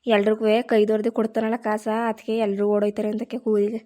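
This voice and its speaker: A woman's voice: medium pitch, monotone, quick pace, dark tone. A woman in a village comedy skit, scolding and complaining. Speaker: comic actor playing a village wife.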